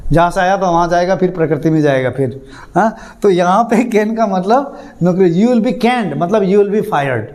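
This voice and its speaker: A man's voice: high-pitched, darkish tone. A man teaching an English class, repeating words and quizzing his students. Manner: repeats words, asks students questions, chuckles. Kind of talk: classroom lesson.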